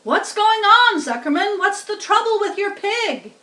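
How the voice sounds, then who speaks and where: A woman voicing a pompous fairground loudspeaker announcer in a storybook, in a grand, slow, declamatory manner. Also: extremely high pitch, very animated, reverberant, far from the mic, voice pushed up, heavily acted. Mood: startled, insistent.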